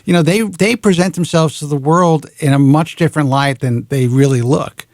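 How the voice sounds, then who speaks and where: A man's voice: fairly high pitch, normal speed, darkish tone, no room sound, studio quality. A man in his forties hosting a radio talk show, talking frankly and bluntly and swearing casually. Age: 40s.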